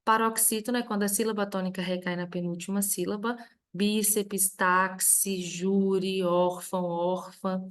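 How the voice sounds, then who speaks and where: A woman teacher with a Brazilian Portuguese accent, reviewing a grammar lesson in a clear, step-by-step way and stressing each example word. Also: medium pitch.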